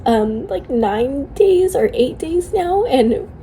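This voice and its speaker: A tearful woman talking casually and haltingly in an emotional, confiding personal vlog. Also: sits high, expressive, dark tone, slight background noise. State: tearful, crying. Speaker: vlogger sharing a personal update.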